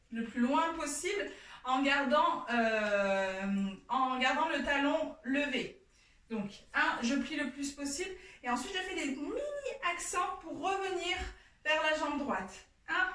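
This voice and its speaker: High-voiced woman teaching dance, echoey. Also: fairly bright tone. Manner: demonstrating moves while talking, counts aloud, chatty asides. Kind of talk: instructional dance lesson, counting beats. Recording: echoey room, voice from far off.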